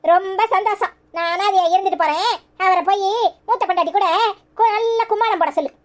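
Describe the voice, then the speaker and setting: A performer voicing a stubborn, sharp-tongued pregnant young woman in a cartoon comedy, with a Tirunelveli Tamil accent and a scolding manner. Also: very high voice, fairly quick. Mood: scornful. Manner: defiant, scolding.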